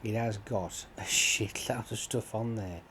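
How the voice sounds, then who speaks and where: A man with a fairly low voice rambles in a relaxed way while he plays, full of ums and offhand swearing. A steady noise hums under his talk throughout the recording. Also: measured pace. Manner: meandering, swears casually, many fillers. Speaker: gaming channel host. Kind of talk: rambling chat over gameplay.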